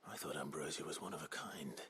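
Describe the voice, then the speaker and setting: A man's voice: very deep voice, slight background noise. Clive, a stern swordsman hero. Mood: calm. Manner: dry, measured, calm. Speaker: game character. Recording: game audio with loud music.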